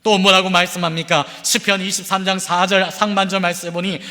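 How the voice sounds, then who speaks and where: A man's voice: level tone, fairly quick. A man preaching a sermon as pastor, emphatic and full of rhetorical questions. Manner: emphatic, swinging between loud urging and low intensity. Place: church sanctuary. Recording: long church hall reverb.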